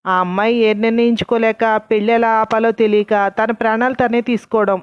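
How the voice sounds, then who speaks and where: A woman's voice: on the high side, little pitch movement, a little fast, smooth, lightly acted. A woman voicing a young woman who reproaches her boyfriend with doubt in a read-aloud story. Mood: reproachful. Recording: dull lo-fi recording.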